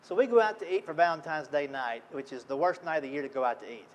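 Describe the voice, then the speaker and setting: A man's voice: fairly high pitch, quick pace, slight background noise, poor audio. A middle-aged man from Tennessee with a Southern accent, telling a self-deprecating funny story to an audience at an event. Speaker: speaker at an industry event. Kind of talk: humorous storytelling talk.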